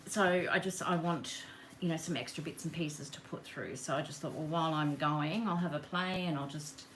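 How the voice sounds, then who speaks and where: A woman hosts a live craft session from her table at home, talking in a loose, rambling way and greeting viewers by name as she works. Her voice sits a little low, with a faint hiss behind it. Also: moderate pace, fairly bright tone. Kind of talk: casual live craft demo chat. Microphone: camera on the work table.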